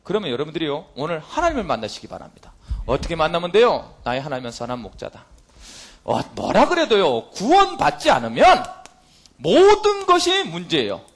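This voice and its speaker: A man preaches a youth service sermon in a church. His voice sits unusually high and swings widely in pitch. He keeps firing rhetorical questions and slips into God's voice in quoted lines. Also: wildly swooping pitch, fairly quick, fairly bright tone. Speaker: pastor. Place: church sanctuary.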